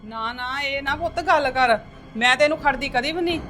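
A woman's voice: high-pitched, normal speed, bright, forceful tone, faint music behind. A woman playing a stern middle-aged mother who lectures and curses her married daughter in a family drama. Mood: scolding.

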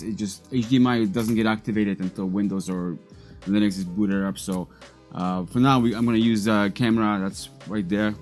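Wearing a lapel mic in his cluttered indoor workshop, a Polish-born man in his thirties who works in data recovery casually narrates a screen-recorded computer tutorial step by step. His voice is fairly low and slightly mellow, and he often uses fillers and starts over.

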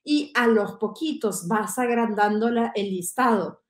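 A woman teaching French in an online lesson, drilling phrases slowly and carefully. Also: medium pitch, reverberant.

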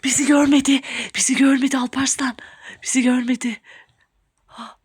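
A young mother playing a pretend-scared hiding game with her son in a home vlog, talking theatrically in gasps and hushed whispers. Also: sits high, fairly even intonation, moderate pace, slightly rough, no echo, studio quality. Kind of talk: pretend-play family vlog.

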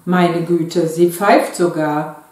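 Brief: enthusiastic grown husband in a storybook, as a woman reads him, low-pitched, very echoey room. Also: steady tone, slow pace, darkish tone. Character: middle-aged husband admiring a toy train.

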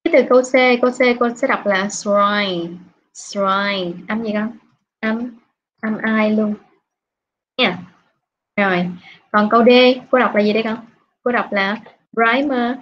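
A slightly high, steady-toned woman, an English teacher from Vietnam, patiently questions her online students over a video call using drawn-out prompts. The dull lo-fi class audio carries slight background noise.

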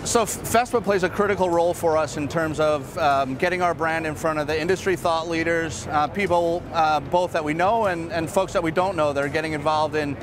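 A man in his fifties, a marketing executive, giving a brisk, upbeat walkthrough of machines at a busy trade fair, with frequent fillers. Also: on the high side, over music. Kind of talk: trade show product walkthrough. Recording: clear trade hall ambience behind.

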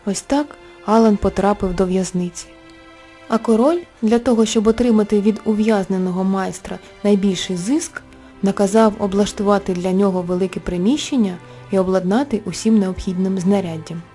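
Mellow-voiced woman telling a fairy tale. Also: medium pitch, normal speed. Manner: gentle, expressive storytelling. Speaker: narrator. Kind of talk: scripted fairy-tale narration. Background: soft background music.

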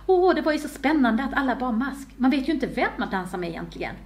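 A woman's voice: medium pitch, sing-song, darkish tone. A woman voicing a dreamy, jealous young lady at a ball, whispering her daydreams.

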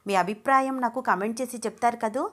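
A woman reads a scripted story aloud with expressive, measured pacing. Her voice sits somewhat high. She speaks as the host of her own story channel.

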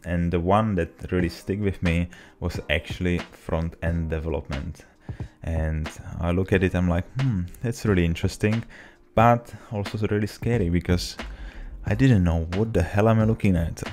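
A young man from the Czech Republic with a Czech accent, casually telling his story to camera at a desk mic in a small home office. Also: low-pitched. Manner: relaxed storytelling, slightly broken English. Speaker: vlogger. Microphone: desk mic on a boom arm.

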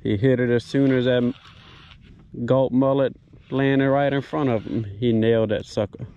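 A man talking excitedly to himself while fighting a fish from a kayak, recorded outdoors on an action camera. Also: medium pitch, moderate pace, highs cut off, slight background noise. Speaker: kayak angler filming his catch. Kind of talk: casual first-person commentary. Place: outdoors on a kayak on open marsh water. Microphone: head or chest-mounted action camera.

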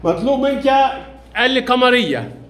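A male primary school teacher running a brisk classroom quiz, calling on pupils by name and praising their answers. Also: very high-pitched, very animated, fairly bright tone.

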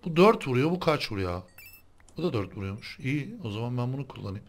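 Excitable young man with a Turkish accent. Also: medium pitch, quick pace. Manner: excitable, yells and repeats words in bursts. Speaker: gaming channel host. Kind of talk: casual game commentary.

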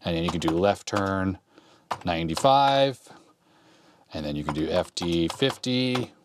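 A man in his forties, a retro computer repair YouTuber, thinks aloud in a low, unhurried voice while testing an old computer in a cluttered workshop, filmed up close. The relaxed, hands-on demo talk comes with keyboard clicks, typing, and a noisy background.

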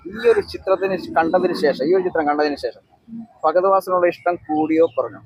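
A man's voice: a little high, very animated, a little fast, a little mellow, breathy edge, no echo, low-quality recording. A man with a Malayali accent interviewing people for film reactions, mixing English words into his speech.

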